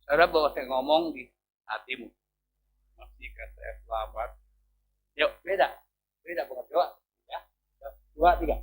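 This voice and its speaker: A middle-aged man, a pastor, preaching a sermon in a church with sudden loud and soft swings and questions for the congregation. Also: a little high, normal speed, vocal fry, pauses often, slight background noise, low-quality recording.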